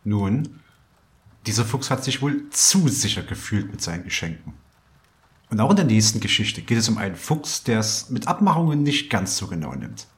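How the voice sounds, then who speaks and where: A man hosting a fairy tale program introduces and reads stories aloud in an expressive way. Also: lowish voice, normal speed. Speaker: storyteller and host.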